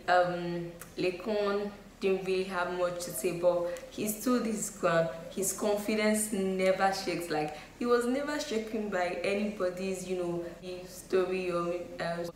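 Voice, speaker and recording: A woman's voice: lowish voice, fairly even intonation, measured pace. A young woman giving her opinions in a casual vlog, talking loosely with lots of fillers. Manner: chatty, frequent "you know" and "um" fillers. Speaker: YouTube vlogger. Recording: echoey room with faint noise.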